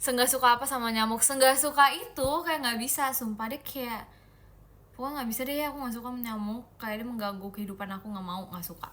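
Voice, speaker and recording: A woman's voice: fairly high pitch, steady tone, fast, a bit bright. A young woman hosting a casual livestream. She reads out viewer comments and answers in a playful, giggly way with lots of fillers. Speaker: idol livestream host.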